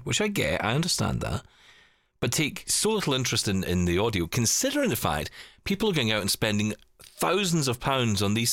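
Rambling and cracking jokes, a podcast host from Scotland, a man in his 40s, keeps the chat casual. His voice sits at medium pitch and has a fairly bright tone, captured in a clean studio with no echo.

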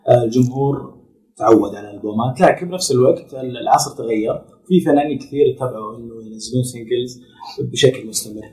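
A man, an interviewer asking a guest rapid, probing questions. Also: mid-range voice, a little mellow.

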